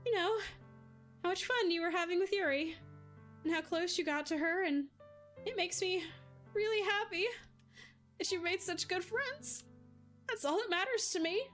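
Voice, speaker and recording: Woman doing a high, tearful teenage girl. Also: moderate pace, pauses often, a bit bright, soft background music. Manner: high, wavering, tearful pleading. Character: cheerful yet heartbroken teenage girl.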